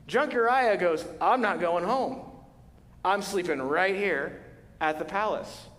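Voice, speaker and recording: A man preaching a sermon as pastor, telling the story with lively, conversational energy and acting out the quotes. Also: high-pitched, takes it slowly. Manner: animated storytelling, acts out quotes. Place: large church hall. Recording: reverberant church hall.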